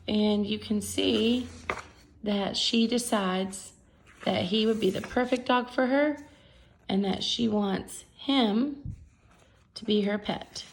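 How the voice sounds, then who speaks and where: A gravelly, mid-range female voice, accompanied by a little hiss or hum, tells a picture book story to children. As she reads, she describes the illustrations expressively in simple terms.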